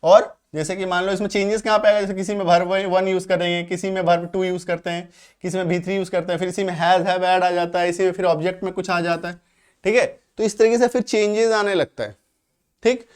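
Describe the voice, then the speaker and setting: A man's voice: high-pitched, level tone. A man teaching English vocabulary in a Hindi-medium lesson, explaining patiently, repeating examples and often checking that students follow. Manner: explanatory, repeats phrases, checks with "clear hai?"; spells out English examples slowly.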